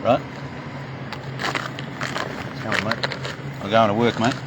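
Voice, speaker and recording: A man's voice: fairly low pitch, fairly even intonation, slow pace. An Australian man arguing with police at the roadside, rambling and repeating "mate". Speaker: driver pulled over. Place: roadside in a vehicle. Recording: street noise and traffic. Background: traffic noise.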